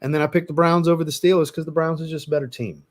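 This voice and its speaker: A man's voice: fairly high pitch, fairly even intonation, very fast. Blunt rambling man chatting on a stream. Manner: rambling and blunt, with mild swearing; restarts and repeats himself. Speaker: live stream host. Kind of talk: casual live chat commentary.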